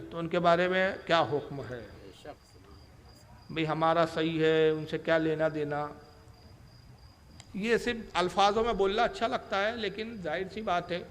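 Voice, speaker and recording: A man's voice: high voice, a bit bright. A man preaching a sermon in an emphatic, challenging way. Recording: echoey hall reverb.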